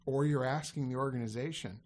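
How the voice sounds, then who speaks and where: A sales coach on a podcast talks casually in a brisk, mid-range voice with a darkish tone. He rambles, corrects himself as he goes, and laughs easily.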